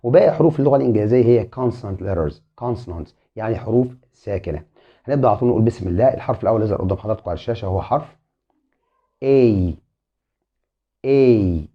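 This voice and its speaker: A man's voice: fairly low pitch, animated, rapid-fire, husky. A man with an Egyptian Arabic accent teaching an online English lesson, saying each letter twice and politely addressing viewers as a group. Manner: spells letters aloud, repeating each twice. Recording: muffled lo-fi sound.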